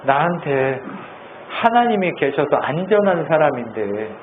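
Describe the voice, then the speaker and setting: Male pastor preaching, chatty and animated, lots of questions, tinny phone-ish sound with faint hiss. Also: fairly high pitch, measured pace. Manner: animated and conversational, full of rhetorical questions. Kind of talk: sermon.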